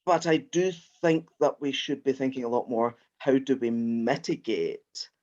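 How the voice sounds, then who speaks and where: A man's voice: mid-range voice, measured pace, a little mellow, lo-fi sound. A man co-hosting a casual podcast chat, thinking aloud with frequent restarts. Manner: thoughtful, rambling with restarts. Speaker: podcast co-host.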